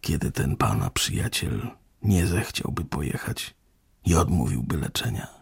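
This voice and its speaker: A man voicing a young village curate who speaks quietly and pleadingly, half in a whisper, in a read-aloud story. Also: sits low, lively intonation, measured pace, gravelly, husky, no echo, studio quality, full character voice.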